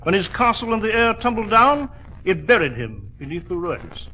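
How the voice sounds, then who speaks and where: An actor playing a loyal, excitable English doctor in a vintage radio drama, with a husky, emphatic delivery. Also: male voice, sits high, moderate pace, dull audio, exaggerated voice. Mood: genial storytelling. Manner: emphatic, storytelling. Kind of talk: 1940s radio drama acting. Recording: vintage 1940s radio broadcast.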